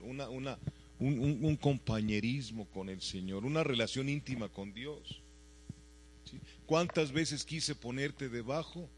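A male preacher delivers a sermon to his congregation, his voice pitched in an ordinary middle range. He peppers the room with rhetorical questions and swings from loud, emphatic lines to quiet, low ones. A faint mains hum sits beneath the recording.

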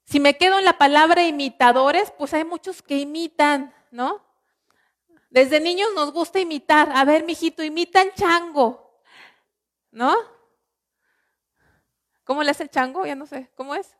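A high-pitched woman with a Mexican Spanish accent preaches a sermon, teaching earnestly, asking her listeners rhetorical questions and reading scripture verses slowly and drawn out.

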